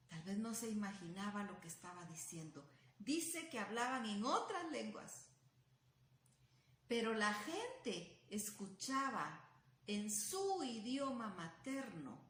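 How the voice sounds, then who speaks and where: A woman's voice: fairly high pitch, a little hiss or hum. A woman preaching a sermon in Spanish, retelling scripture with dramatic questions and rising emphasis. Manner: storytelling, dramatizes the disciples' questions. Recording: echoey room.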